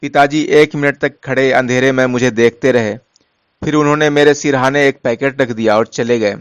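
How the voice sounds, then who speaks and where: A man narrating a story in a measured, steady way, softening his voice for quoted lines. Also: mid-range voice, clean tone, dry recording.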